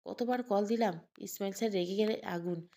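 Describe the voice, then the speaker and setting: A woman's voice: medium pitch, moderate pace, warm tone, a little hiss or hum, lightly acted. A woman voicing a kindly middle-aged male office colleague who is friendly and soothing, in an audio story. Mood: reassuring.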